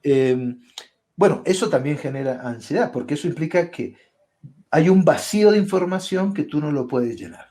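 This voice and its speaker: Man explaining warmly with examples. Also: on the high side, lively intonation, normal speed. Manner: explains with examples and tag questions. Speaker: psychologist and author interviewing a guest. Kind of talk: conversational explanation.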